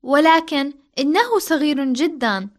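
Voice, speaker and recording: A woman with a high voice and a quick pace co-hosts a language lesson. Her native language is Arabic, and she speaks as on a teaching podcast. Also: animated. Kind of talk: scripted language lesson dialogue and chat.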